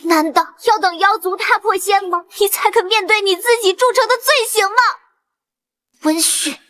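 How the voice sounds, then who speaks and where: Brief: a defiant daughter, very high bright voice, scornful and sharp. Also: female voice, normal speed. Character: defiant young immortal-sect daughter, fierce, accusing. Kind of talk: dubbed costume drama acting.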